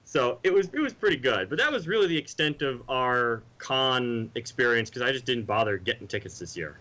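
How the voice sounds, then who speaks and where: A man's voice: medium pitch, expressive, fairly quick, sharp tone, low-quality recording. A man co-hosting a podcast, chatting casually and rambling with restarts. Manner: rambling, with restarts and mimicked sounds. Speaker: podcast co-host. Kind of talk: casual chat.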